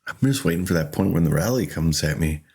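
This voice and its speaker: A man's voice: low-pitched, fast, breathy edge. A man casually commenting on his own gameplay, often laughing and acting out what he said in the moment. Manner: laughs often, excitable, retells with quoted self-talk. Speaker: gaming streamer.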